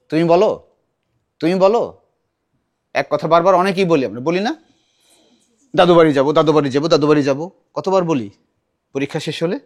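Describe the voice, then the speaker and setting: A middle-aged man teaching a children's recitation class, animated and asking the class many questions. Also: a little high.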